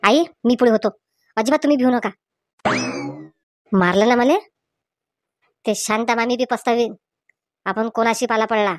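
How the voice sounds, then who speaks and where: A woman's voice: on the high side, no room sound, studio quality, natural voice. Pappu, woman playing a cowardly village son. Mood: panicky. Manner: bragging then panicky, fast whining.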